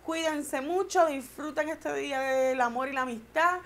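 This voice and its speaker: A woman's voice: sits high, normal speed, a bit bright. A woman chatting casually to camera in a tag video, playful and joking, turning tender and sentimental. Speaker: beauty vlogger.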